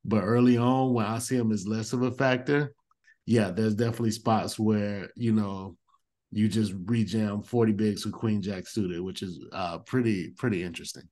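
A man's voice: lowish voice, fairly even intonation, normal speed, darkish tone. A man on a podcast explaining strategy methodically, reading out details step by step. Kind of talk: casual strategy discussion.

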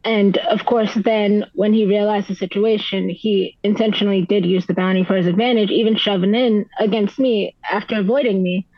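A woman poker player, a podcast guest, retelling events in an animated way with lots of "like" fillers. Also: medium pitch, moderate pace, hardly any pauses, no echo, dull audio. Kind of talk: podcast storytelling.

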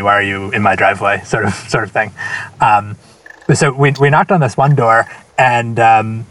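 A man casually telling a story about canvassing door to door, halting with many restarts and fillers. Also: on the low side. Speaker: campaign volunteer.

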